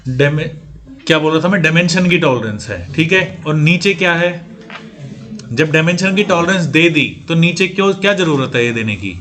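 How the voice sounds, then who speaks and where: A man's voice: on the high side, animated, moderate pace, a bit bright. A man lecturing a class on engineering drawing, quizzing students and repeating key points. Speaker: CAD training instructor.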